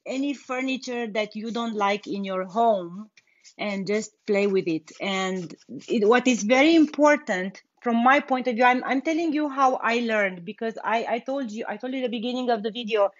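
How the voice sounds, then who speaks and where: A young Romanian woman with a Romanian accent talks unhurriedly through a live furniture painting tutorial, laughing easily. Her voice is on the high side at a moderate pace, recorded with lo-fi sound in an indoor workshop with a bare wall.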